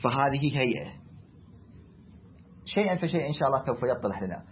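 Man, Iraqi accent, teacher, classroom lecture, deliberate, poses his own questions, slightly muffled audio. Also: medium pitch, big pitch swings, a little hiss or hum. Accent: Iraqi Arabic.

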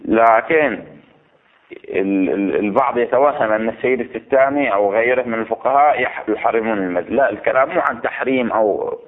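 A man's voice: medium pitch, fairly quick. A man teaching a class on recitation rules, explaining step by step and asking the students questions. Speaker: religious teacher. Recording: tinny phone-like lo-fi recording.

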